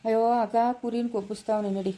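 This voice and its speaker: A woman's voice: medium pitch, little pitch movement, fast talker, mellow, natural voice. A woman voicing a blunt, gossiping male relative with a rural Karnataka Kannada accent in a cartoon family drama. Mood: ominous. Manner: ominous, blunt.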